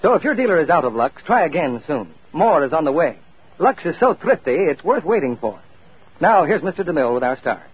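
A man's voice: a little high, very animated, a little fast, husky. A man reading the announcements of a 1940s radio show in a formal, polished announcer style. The sound is that of an old-time radio broadcast. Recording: tinny lo-fi 1940s radio broadcast, faint music behind.

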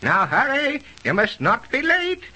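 A man's voice: extremely high pitch, wildly swooping pitch, a little slow, pushed and bright, heavily acted. A man playing a generous, solemn farmer in an old radio drama, giving benevolent blessings theatrically.

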